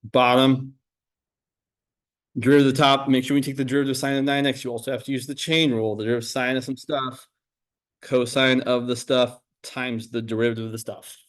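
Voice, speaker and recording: A male instructor with a mid-pitched voice runs a classroom review in the manner of an exam proctor. He gives direct, informal instructions and coaches students through each step of the work. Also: flat delivery, fast. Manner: exam proctor calling out time limits and instructions. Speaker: calculus instructor running a timed exam review. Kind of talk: classroom maths lesson, explaining worked problems step by step.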